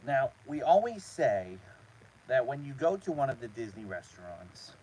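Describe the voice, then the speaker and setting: A man hosting a casual live stream from inside a small trailer, talking to his chat in a halting way with repeated words. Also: mid-range voice, very animated, darkish tone, slight background noise, poor audio. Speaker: host of a live show.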